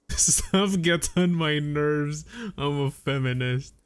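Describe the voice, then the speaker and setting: A man's voice: on the high side, extremely slow, clean tone. A man streaming a video game, reading dialogue choices aloud and joking casually with crude language. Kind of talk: casual gaming stream commentary.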